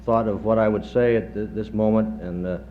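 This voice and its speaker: A middle-aged man, a chief of staff, giving a halting tribute speech with dry humor, heard on old worn reel-to-reel tape. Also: on the low side, fairly even intonation. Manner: halting, many pauses and fillers, dry humor. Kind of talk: after-dinner tribute speech. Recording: dull worn 1970s tape with faint hum.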